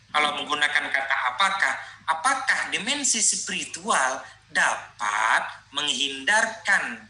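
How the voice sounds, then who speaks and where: A man's voice: fairly high pitch, pushed and bright, echoey room, a little hiss or hum, poor audio. A man giving a rambling online lecture on research proposals, addressing his listeners directly.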